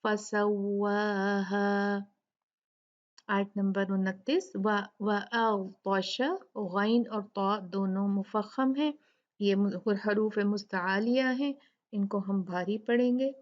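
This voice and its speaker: A woman teaching the rules of Quran recitation. She explains each rule and then recites the words slowly and drawn out. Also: mid-range voice, a little mellow, dull audio. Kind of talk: tajweed lesson with slow demonstration recitation.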